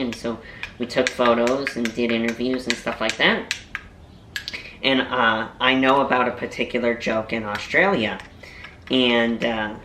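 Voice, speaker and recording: A man's voice: mid-range voice, background noise. A young man and voiceover artist chatting casually to camera in a food-tasting vlog. He rambles and cracks playful self-mocking jokes. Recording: roomy echo.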